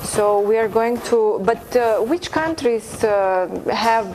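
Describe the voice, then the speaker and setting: A woman's voice: a little high, lively intonation, slow pace, darkish tone, poor audio. A young woman hosting a TV interview, hesitant and searching for words. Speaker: host. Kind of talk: TV studio interview. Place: TV studio set. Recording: studio with background noise.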